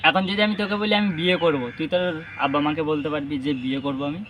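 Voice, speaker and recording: A young adult vlogger makes a prank phone call, talking rapid-fire in a slightly high voice. He chats casually, teasing, coaxing and pressing with questions, while parrots squawk amid ambient noise in the noisy recording.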